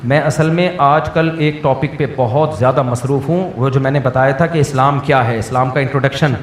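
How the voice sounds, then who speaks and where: A man's voice: medium pitch, steady tone. A man, a mufti answering questions from listeners in a plainspoken, teasing way, often checking whether the point has landed. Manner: plainspoken, teasing, keeps asking if the point is understood. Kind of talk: question-and-answer religious talk. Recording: echoey room with faint background noise.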